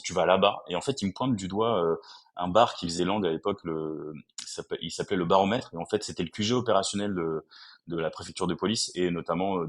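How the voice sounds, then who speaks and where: A man, telling his story as a podcast guest, halting with many fillers and restarts. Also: low voice. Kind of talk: conversational storytelling.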